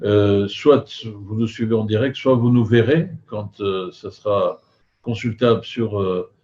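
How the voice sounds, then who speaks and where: A man's voice: fairly low pitch, steady tone, darkish tone. An older man hosting a live film event, courteous and very hesitant, with slightly slurred speech from loose dentures. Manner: halting, hesitant, courteous, with frequent long filler pauses. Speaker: host of a film festival video conference. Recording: dull video call audio, faint noise.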